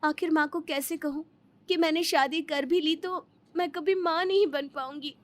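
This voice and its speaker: A woman voicing a sweet, spirited young woman in an animated story, talking brightly and expressively. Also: sits high, normal speed, voice pushed up, natural voice. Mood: worried. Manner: bright, expressive, wails when in pain. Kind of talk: storybook cartoon voice acting.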